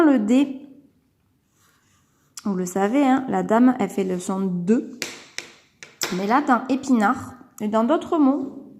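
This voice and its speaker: A woman teaching a writing lesson to young children, patient and singsong as she explains. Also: on the high side. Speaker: kindergarten teacher.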